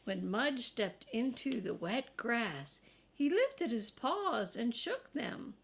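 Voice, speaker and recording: In a slightly high voice and at an unhurried, slow pace, an older woman reads a storybook to children. She is expressive and grandmotherly, lingering on key words and adding friendly asides for the little ones.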